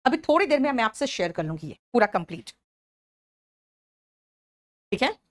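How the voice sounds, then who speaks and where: Woman exam-prep teacher, Indian English accent, slightly high pitch, patient and explanatory. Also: very animated. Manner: explains each word slowly, checks in with students often. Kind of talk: exam-prep vocabulary lesson.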